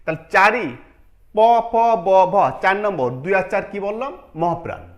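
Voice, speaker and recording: A man's voice: sits high, big pitch swings, moderate pace, fairly bright tone. A man teaching an online pronunciation lesson, explaining step by step, repeating key points and putting questions to his students.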